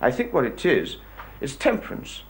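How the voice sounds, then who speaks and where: A man's voice: medium pitch, wildly swooping pitch, moderate pace. A man making a persuasive case as a campaigner, in emphatic phrases with repeated patterns. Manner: emphatic, repetitive list-like phrasing. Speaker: campaign leader. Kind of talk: persuasive interview statement.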